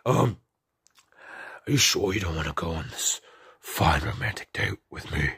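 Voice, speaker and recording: A man voicing a boastful, clingy male turtle king with spikes, whining and pleading with a raspy, gravelly voice in an amateur comedy skit. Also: a bass voice, expressive, moderate pace, a bit bright. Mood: sulking. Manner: whiny, pleading, mumbling asides.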